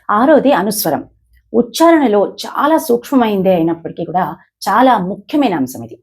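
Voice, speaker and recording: Husky-voiced woman teaching pronunciation. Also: mid-range voice, a little mellow. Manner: slow, deliberate, demonstrates sounds with stressed examples. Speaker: advocate teaching shloka pronunciation. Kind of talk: explanatory lesson.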